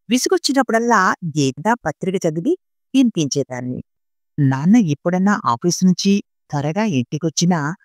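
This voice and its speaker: A woman narrating an audiobook story reading in an expressive storytelling manner. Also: sits low, dry recording, studio quality.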